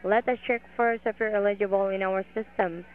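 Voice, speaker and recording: A woman telemarketer heard over the phone, briskly running through scripted questions for a brace order. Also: medium pitch, fairly even intonation. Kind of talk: scripted sales call. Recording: tinny phone line.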